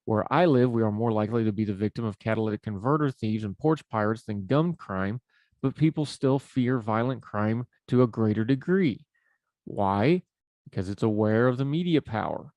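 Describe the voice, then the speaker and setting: A man with an Appalachian accent speaks in a mellow, relaxed voice, close and dry. He hosts a talk show with folksy, conversational commentary on the news. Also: fairly low pitch, moderate pace, no room sound. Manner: folksy, informal address.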